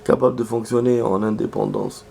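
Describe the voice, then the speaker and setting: Fairly quick and with a slight hiss or hum behind him, a man streams a game, casually reading its text and chatting as he goes. He has a cold, clears his throat, and speaks in a low, flat, gravelly tone with muttered side comments.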